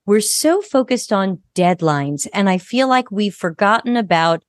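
A woman's voice: medium pitch, expressive, unhurried, no echo, studio quality. A woman speaking as a guest expert in a podcast interview, frank and a little sarcastic.

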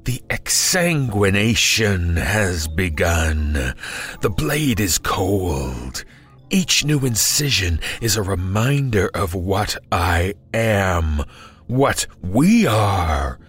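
An actor playing a bleeding, hateful male zealot who delivers a slow, menacing monologue with bitter outbursts. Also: low-pitched, very animated, fairly bright tone, husky, heavily acted.

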